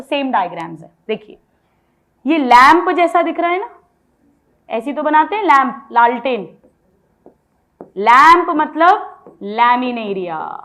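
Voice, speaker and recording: A high-pitched woman teaching biology in an unhurried, deliberate way. She drills memory tricks and has her students say the names back to her, switching freely between Hindi and English terms. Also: a bit bright. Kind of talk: online exam-prep lecture.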